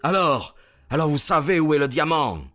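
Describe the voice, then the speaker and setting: An actor playing a cornered, impatient aristocratic criminal who answers with defensive, exasperated retorts, in radio drama acting. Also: male voice, fairly high pitch, expressive, normal speed, a bit bright, soft background music.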